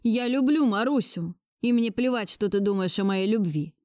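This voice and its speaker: A woman's voice: medium pitch, animated, moderate pace, darkish tone, dry recording, studio quality, lightly acted. Woman voicing a defiant angry grandson. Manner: bitter, resolute outbursts. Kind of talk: audiobook dialogue reading.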